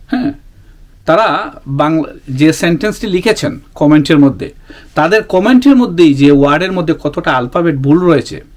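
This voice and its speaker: Speaking earnestly in a casual monologue to viewers of his own YouTube channel, a Sylheti man from Bangladesh pauses often with fillers and keeps restarting his sentences. His voice is on the high side.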